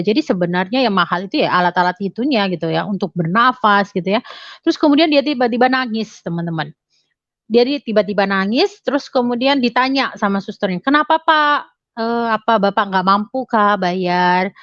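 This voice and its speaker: A woman's voice: mid-range voice, no echo. A woman giving a casual motivational talk to her audience, chatty and full of fillers and tag questions. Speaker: motivational speaker. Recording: dry, slightly dull lo-fi sound.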